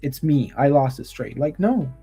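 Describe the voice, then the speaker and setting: A man's voice: mid-range voice, animated, normal speed, vocal fry, mellow, husky, faint music behind. A man from Romania, a guest trader, gives earnest motivational advice in casual chat over a video call, often restarting his sentences.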